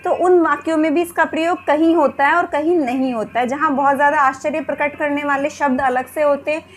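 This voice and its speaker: A woman's voice: high voice, steady tone, a little fast, a little hiss or hum. A woman teaching a Hindi grammar lesson for exam preparation, who poses questions and then answers them herself, often saying "ठीक है". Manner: repeats "ठीक है" as a filler.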